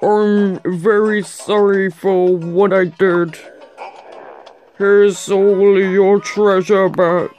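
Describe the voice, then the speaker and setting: A woman's voice: mid-range voice, level tone, darkish tone, faint music behind, voice pushed up. A woman voicing a cowardly, apologetic male genie from a video game, in a pleading manner. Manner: slow, pleading. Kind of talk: reading game dialogue in character.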